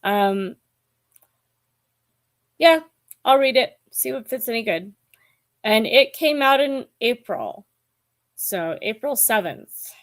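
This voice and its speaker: Slow, hesitant woman in her forties. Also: on the high side, animated. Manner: hesitant, musing, many ums. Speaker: book vlogger. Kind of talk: casual book chat to camera.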